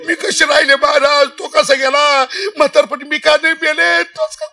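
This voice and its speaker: A man's voice: very high-pitched, fairly even intonation, moderate pace, pushed and bright, faint music behind. A man voicing a grieving old village mother, wailing with a sobbing lament in a humorous sermon.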